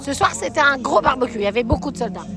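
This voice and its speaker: Brisk high-voiced woman reporter. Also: lively intonation, creaky, a bit bright, faint music behind. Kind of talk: field interview questions.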